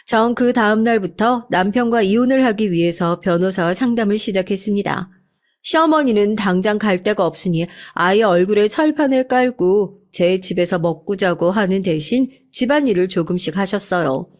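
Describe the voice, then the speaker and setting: A woman narrating a scripted family drama story in a steady, even storytelling manner. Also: mid-range voice, normal speed.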